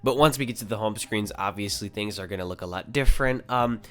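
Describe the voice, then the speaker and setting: A young man from Michigan, his voice nasal and stuffed up from a cold, but still low and smooth. He walks through a tech comparison in a loose, easygoing way, full of ums and kindas. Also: fast talker, soft background music. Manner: relaxed, filler-heavy, says kinda a lot. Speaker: tech video host. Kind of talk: casual tech review narration.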